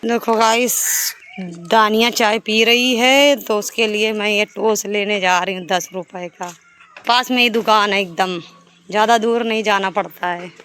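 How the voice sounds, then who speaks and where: A woman's voice: medium pitch, fairly even intonation, measured pace, fairly bright tone, a little hiss or hum. A woman filming a casual family vlog at home on her phone, chatting to viewers while looking after her children. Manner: chatty, addresses viewers as guys while tending to kids. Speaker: vlogger and mother. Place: home, indoors.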